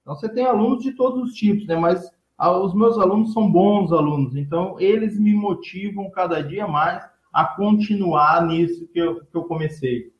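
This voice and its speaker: A man, a teacher of entrepreneurship, answering interview questions in relaxed talk with many fillers and trailing phrase ends. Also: high voice, moderate pace, few pauses, echoey room, dull audio. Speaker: entrepreneurship teacher and speaker, guest.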